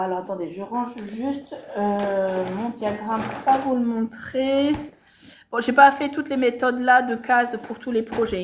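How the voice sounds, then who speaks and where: Chatty woman with a high-ish voice. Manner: chatty, self-correcting, many hesitations. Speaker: cross-stitch vlogger. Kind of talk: casual show-and-tell chat.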